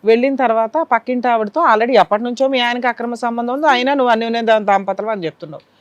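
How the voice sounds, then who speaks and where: A woman's voice: a little high, fast, no echo, dull audio. A woman advocate on a talk show questioning a guest sharply about her case. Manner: sharp, cross-examining. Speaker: advocate counsellor.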